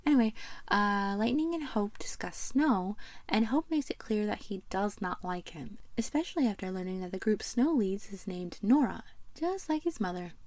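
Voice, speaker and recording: A woman's voice: mid-range voice, expressive, normal speed, darkish tone, dry recording. A woman hosting a video essay, narrating a game recap in a chatty, playful way with fond asides. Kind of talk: casual game commentary narration.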